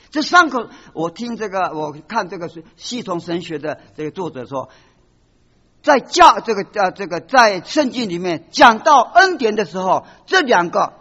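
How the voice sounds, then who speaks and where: A male pastor preaching with a high, lively voice that swings widely in pitch. His tone is bright and a little husky, captured on a dull, lo-fi recording. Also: big-room sound. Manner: animated preaching, acts out voices of God and the father, mixes in English words. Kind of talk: sermon.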